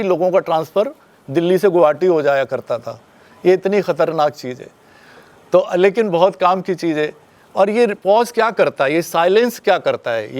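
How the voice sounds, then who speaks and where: An older man teaching a class with a notably high-pitched voice. He lectures with lively energy, throws questions at the students, and speaks phrases aloud to show how a pause or a stressed word changes their meaning. He is firm with the class when attention drifts. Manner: firm with students, tells them to put phones away. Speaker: lecturer at a media school orientation.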